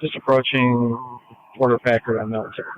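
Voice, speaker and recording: A male patrol officer speaks in quick, clipped radio code over a police radio transmission. His voice is dry and close, with no room around it, and sits at a middling pitch. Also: level tone, dry recording, muffled recording. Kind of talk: terse radio call-ins.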